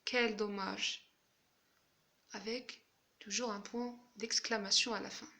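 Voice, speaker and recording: A woman teacher explaining French grammar in a slow, careful way, giving examples as she goes. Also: on the high side, fairly even intonation, pushed and bright. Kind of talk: grammar lesson.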